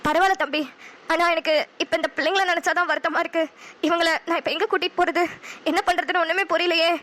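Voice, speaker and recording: A woman's voice: extremely high pitch, steady tone, fast talker, fairly bright tone. A woman voicing a sorrowful, resigned middle-aged mother in a cartoon. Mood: mournful. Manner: mournful, resigned. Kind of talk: cartoon voice acting.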